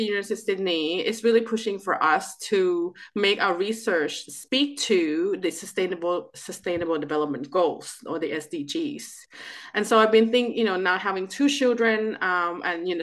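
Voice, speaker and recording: A woman in her thirties, originally from Thailand, answering interview questions as a political scientist in a lively way with restarts. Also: medium pitch. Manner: animated, with restarts and fillers.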